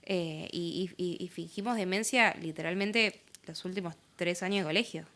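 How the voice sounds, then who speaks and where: A young woman with an Argentine Spanish accent, a podcast guest, candidly tells her own story in a fairly low voice at a moderate pace. Her talk is casual and full of fillers, and her retelling is animated.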